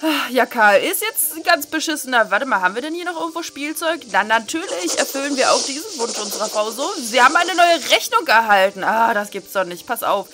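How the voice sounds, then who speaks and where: A woman's voice: high-pitched, lively intonation, a little fast, few pauses, a bit bright. A woman doing casual let's-play commentary, chatty, irreverent and joking.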